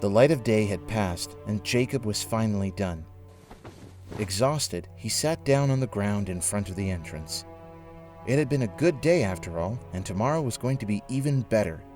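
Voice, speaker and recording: A low-voiced male narrator delivers a scripted audio-drama story in a measured yet animated way, his tone somewhat dark. Music runs underneath his narration.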